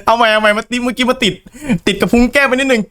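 A playful young man giving casual game commentary, laughing often and slipping into squeaky voices. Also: steady tone, rapid-fire, sharp tone, smooth. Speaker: gaming YouTuber.

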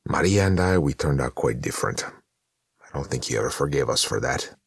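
A man's voice: rumbling low, expressive, moderate pace, creaky, husky, dry recording, studio quality, exaggerated voice. A man doing a blunt, needling smoker. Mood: bitter. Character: blunt, slouching middle-aged brother, chain smoker. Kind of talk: audiobook narration.

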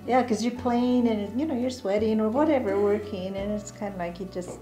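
Older American woman, relaxed offhand chat, warm tone, echoey room with faint music. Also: medium pitch, brisk. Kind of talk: casual chat.

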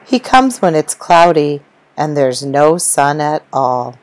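A woman narrating a rhyming children's story, gentle and rhythmic. Her voice sits low and moves at an unhurried pace. The recording is dry and close. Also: big pitch swings, no room sound, poor audio. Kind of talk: children's story reading in rhyme.

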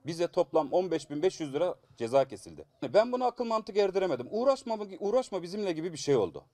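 A man in his thirties speaks quickly and urgently, sounding aggrieved as he pleads for justice. His nose is blocked, giving his fairly high voice a congested sound. The recording is close and dry. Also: sing-song, warm tone, no room sound. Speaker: assault victim giving a statement. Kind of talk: news interview statement.

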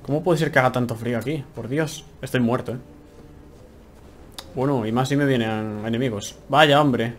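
Casual let's-play commentary comes from a young Spanish-accented streamer playing at home, his medium-pitched voice at a moderate pace with a little hiss or hum. He's chatty and exclaiming, talking to himself throughout.

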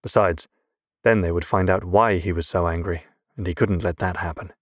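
A male narrator reads a fantasy novel in a very deep, measured voice. The recording is close and dry, with no room sound at all. His telling stays steady and even. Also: no room sound. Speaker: audiobook narrator. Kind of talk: scripted narration.

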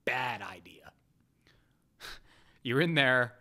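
A man talks casually and bluntly about his own bad habits, swearing freely. His voice is bright and forceful, at an ordinary pitch for a man. He swings between loud, animated bursts and quiet, muttered asides. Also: drawn-out words. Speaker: poker player vlogger. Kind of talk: casual storytelling monologue.

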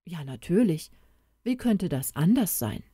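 A woman voicing a kindly, wealthy middle-aged uncle who speaks calmly and reassuringly in an audiobook. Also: fairly low pitch, unhurried, slightly rough, no room sound, clean studio sound, full character voice.

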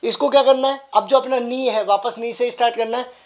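A man teaching the flute in a casual, chatty way, explaining quickly between sung note syllables. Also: extremely high pitch, fairly even intonation. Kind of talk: casual music tutorial.

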